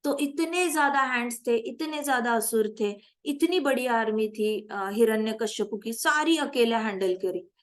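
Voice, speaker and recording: Woman, high voice, animated scripture teacher. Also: unhurried, hardly any pauses. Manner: animated, mixes English phrases into Hindi teaching, asks class questions. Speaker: spiritual teacher. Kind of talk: scripture class lecture.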